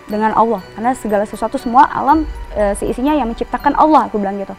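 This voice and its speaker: Higher-voiced woman telling a rambling story. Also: quick pace, faint music behind. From Java. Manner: rambling, with frequent restarts and asides. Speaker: guest telling a personal story. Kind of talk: casual storytelling.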